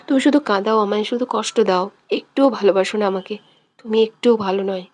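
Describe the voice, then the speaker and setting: A woman's voice: medium pitch, fairly even intonation, a little fast, close to an everyday voice. A woman voicing a jealous young woman who sobs, pleads and accuses her beloved in a romantic audio story. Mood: tearful, accusing. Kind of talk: scripted audio drama reading.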